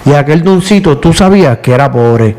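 A middle-aged man with a Puerto Rican accent, a power utility worker recounting a hard experience in an emotional, halting, repetitive way. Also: on the high side, expressive, a little mellow. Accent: Puerto Rican Spanish. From Puerto Rico. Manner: emotional storyteller, repeats words, tearful at times. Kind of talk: emotional casual conversation.

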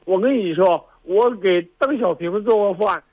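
A man calls in on a muffled, dull phone line, his voice pitched high for a man. His speech is slurred and he sounds close to tears. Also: moderate pace, dry recording. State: tearful. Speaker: caller. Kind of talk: phone-in talk.

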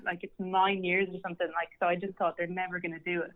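A woman's voice: on the low side, flat delivery, fast. A young woman, a podcast guest and entertainment writer, chatting casually with plenty of fillers and laughs. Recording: slightly dull lo-fi audio.

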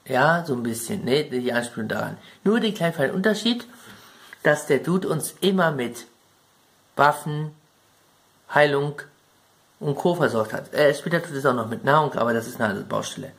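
A chatty German-accented man runs through game plot points in a loose, rambling way. He keeps turning to his viewers and talking to them directly. His pitch sits right in the middle. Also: moderate pace, vocal fry, a bit bright. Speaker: gaming video creator.

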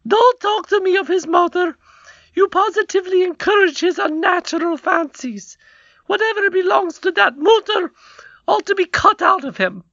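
A man voicing a vain, spiteful goblin queen in a storybook reading, with a shrill, scornful high voice. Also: unhurried, hardly any pauses, fairly bright tone, no echo, dull audio, exaggerated voice. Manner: scornful, indignant.

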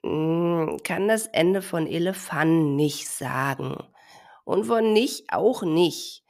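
A woman's voice: deep voice, slow, a little mellow. A woman voicing a timid young male elephant calf who talks shyly and sulkily, dodging words with a T. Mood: sulky. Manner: shy, sulky, avoids words with T.

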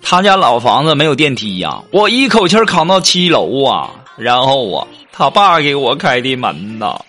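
A man hosting a comedy show, telling short funny stories in an animated way and acting out the voices of the people he quotes. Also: medium pitch, moderate pace, music in the background. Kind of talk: scripted comic monologue.

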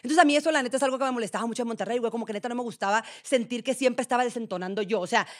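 A young woman with a Sinaloan accent chatting as a podcast guest, pitched a bit high and racing along. She speaks loudly and bluntly, and slang tumbles out in quick bursts. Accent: Sinaloan Mexican Spanish. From Sinaloa, Mexico. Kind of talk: casual chat.

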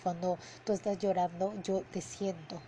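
A woman hosts a podcast in a casual monologue, earnest and heartfelt, often ending her sentences with a questioning "no?". Her voice is mellow and warm, with a faint hiss of noise behind it. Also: fairly low pitch, little pitch movement, moderate pace, rough recording. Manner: earnest, heartfelt, repeats words for emphasis. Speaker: podcast host and emotional coach. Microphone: headphones and podcast mic.

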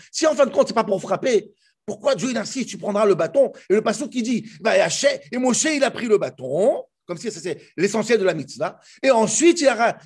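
A man teaching a Torah class, explaining the commentaries in a lively way that often restarts and jumps in pitch. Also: husky.

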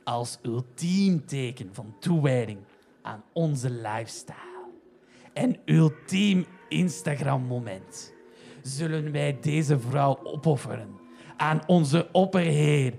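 A man voicing a pompous male hipster cult leader who speaks slowly and grandly, with cackling laughs. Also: on the high side, expressive, gravelly, darkish tone, exaggerated voice. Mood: fanatical. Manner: slow, drawn-out, grandiose speech with cackling laughs.

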